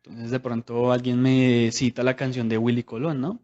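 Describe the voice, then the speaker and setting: A man's voice: medium pitch, little pitch movement, normal speed, a little mellow. Conversational preacher man, lo-fi sound. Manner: conversational, asks the congregation many rhetorical questions. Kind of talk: sermon.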